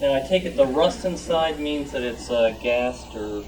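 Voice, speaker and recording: A club member shows off his collection at a show-and-tell in the club meeting room, speaking informally and sharing anecdotes. His medium-pitched voice has lively intonation and a moderate pace, and he was recorded off the mic, so he sounds distant.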